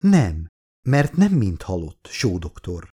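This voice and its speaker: A man voicing a calm, polite male android servant with a velvety, composed voice. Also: deep voice, exaggerated voice. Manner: smooth, composed, courteous.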